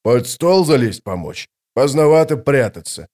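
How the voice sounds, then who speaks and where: A man narrating an audiobook, voicing a gruff, grumbling male sapper. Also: medium pitch, sing-song, a little slow, darkish tone. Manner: grumbling, blunt.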